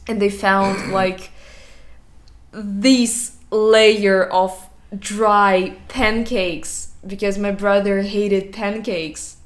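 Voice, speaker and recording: Unhurried young woman telling a story. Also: medium pitch, little pitch movement. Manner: unhurried storyteller with hesitant fillers. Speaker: co-host. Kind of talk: casual chat.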